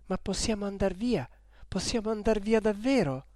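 A frightened young peasant woman from a storybook, pleading and anxious, her voice lifted high above the reader's own, as a man puts her on. The sound is close and dry, with no room around it. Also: animated, normal speed, darkish tone, no room sound. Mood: astonished, fearful.

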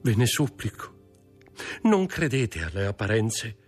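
A man's voice: mid-range voice, wildly swooping pitch, slow pace, breathy edge, faint music behind, pitched above the performer's own voice, exaggerated voice. A man reading an audiobook, voicing a frightened young wife who stammers and pleads. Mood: terrified pleading.

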